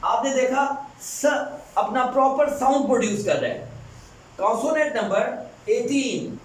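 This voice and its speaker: A man teaching English pronunciation to students, explaining fast and then saying the example words slowly and drawn out. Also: very high-pitched. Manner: switches between fast Hindi-Urdu explaining and slow drawn-out English examples. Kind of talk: classroom lecture on pronunciation. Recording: echoey room, voice far from the mic.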